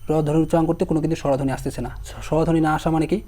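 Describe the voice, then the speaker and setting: A young man with a hoarse voice teaching an online exam-prep lesson, repeating each word slowly while spelling it out and asking his students questions. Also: on the high side, fairly even intonation, warm tone.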